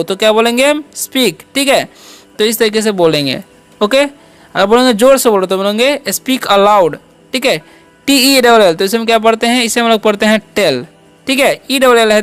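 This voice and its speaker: A man's voice: sits high, fairly bright tone, smooth. A man teaching basic English words, often repeating questions to his students. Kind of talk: spoken English lesson.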